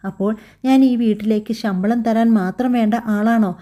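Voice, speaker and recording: A woman voicing a hurt young wife in a storybook, pleading softly in a wounded tone. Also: a little high, fairly even intonation, normal speed, natural voice.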